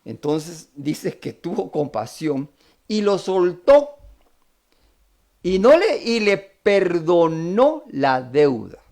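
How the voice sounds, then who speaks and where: A man with a Costa Rican Spanish accent preaches a sermon, retelling a parable and animatedly acting out the characters' pleas. His voice sits high and he speaks slowly.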